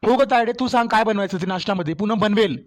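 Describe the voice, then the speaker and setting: A voice actor playing a young married son and brother in a cartoon family story, placating and hurried. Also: mid-range voice, lightly acted.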